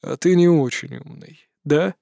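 A man's voice: on the high side, measured pace, vocal fry, mellow, no echo. A man voicing a sardonic lizard-man mage who talks in a dry, mocking way.

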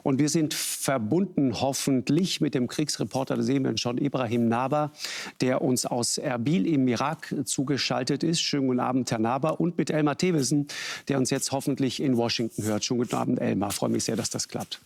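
Man, gravelly voice, talk show host, television studio, measured questioning delivery, mid pitch. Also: a little mellow. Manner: measured, questioning, with frequent hesitation sounds. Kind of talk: hosting a political talk show.

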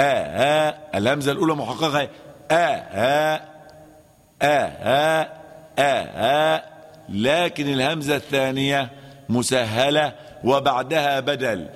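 Egyptian sheikh teaching in a reverberant hall. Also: male voice, mid-range voice. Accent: Egyptian Arabic. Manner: asks and answers his own questions, repeats key terms. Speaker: sheikh teaching Quran recitation rules. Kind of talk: classroom lesson with chanted recitation examples.

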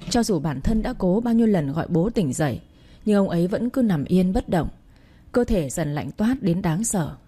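A woman narrating a sad story as an audiobook reader, reading slowly and sorrowfully with emotion. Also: fairly low pitch, animated, dark tone, husky.

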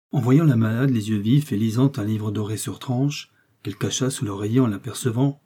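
A man reading a classic short story aloud in a measured, expressive way. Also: fairly low pitch, husky. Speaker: audiobook reader.

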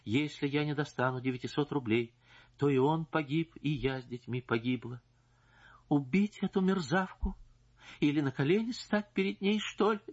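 A man voicing a distraught, indignant married noblewoman who pleads and accuses in a shrill, strained voice. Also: moderate pace, slightly rough, highs cut off. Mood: bitter.

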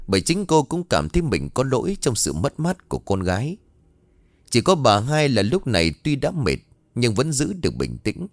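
A man doing scripted narration of a ghost story in an expressive storytelling manner. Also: on the low side, no echo, clean studio sound.

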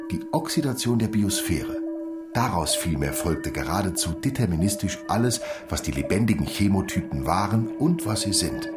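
A deep-voiced man takes the role of a scholarly, patient and fussy teacher in a German radio play, delivering his lecture with careful, professorial stress.

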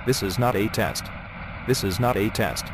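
Brief: deep emergency announcer through a megaphone, outdoors with loud traffic noise behind. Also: male voice, normal speed. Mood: urgent. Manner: firm, repetitive warning.

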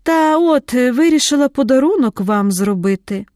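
A woman's voice: high-pitched, lively intonation, moderate pace, a little mellow, no room sound, clean studio sound, voice pushed up. A woman voicing a flighty, brazen middle-aged mother in an audiobook, with a raised, flippant voice.

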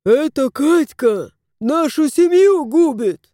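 Huffy vain tomcat from a storybook, woman putting it on, high and slow, whiny drama. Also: lively intonation, warm tone, no room sound, clean studio sound. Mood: aggrieved. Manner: complaining, theatrical. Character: proud indignant male house cat.

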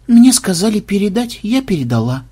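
Young woman, monotone mumble, read by a man, raised pitch. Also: normal speed, breathy edge, exaggerated voice. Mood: flat. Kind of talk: audiobook character voice.

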